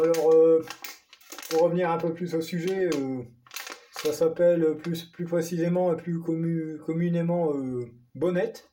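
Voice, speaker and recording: A man with a northern French accent, chatting through an unboxing vlog, excited and stumbling over his words. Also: fairly high pitch, a little hiss or hum. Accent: Ch'ti. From northern France. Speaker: vlogger.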